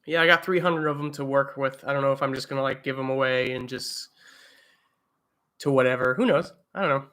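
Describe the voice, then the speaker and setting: Young male streamer, bright voice, loose rambling delivery full of "uh"s. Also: mid-range voice, steady tone, brisk. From eastern United States. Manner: rambling, lots of fillers and restarts. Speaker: livestream host. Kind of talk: casual live chat reading viewer comments. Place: home, indoors.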